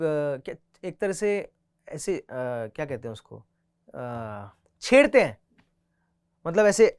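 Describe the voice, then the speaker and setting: A man's voice: on the high side, darkish tone, no echo. A man teaching a beginner tabla class, mixing Hindi with English, patiently repeating each instruction and reciting the drum syllables aloud.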